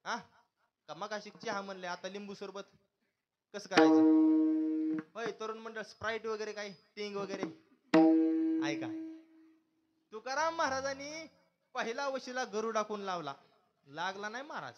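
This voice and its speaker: A man's voice: high-pitched, animated, moderate pace, long pauses, music in the background. A young man preaching a humorous kirtan sermon, joking and asking the audience questions. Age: young adult.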